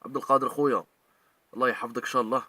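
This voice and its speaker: Fast, sharp-voiced Algerian man ranting. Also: mid-range voice, steady tone, dry recording, far from the mic. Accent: Algerian Arabic. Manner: emotional, scolding, addresses people directly. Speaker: online commentator. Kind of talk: heated video rant.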